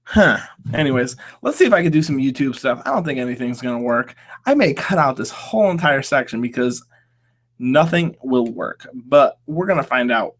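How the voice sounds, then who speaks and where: A man's voice: medium pitch, animated, moderate pace. Rambling man hosting a solo podcast. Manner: rambling, hesitant, many restarts. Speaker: podcast host. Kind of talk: casual solo podcast chat.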